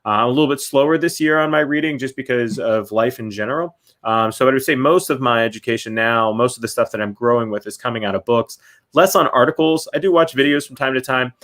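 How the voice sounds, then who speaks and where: CEO guest, loose and chatty. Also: male voice, mid-range voice, fast talker, fairly bright tone. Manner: loose, many fillers like um and you know. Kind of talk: casual interview answers.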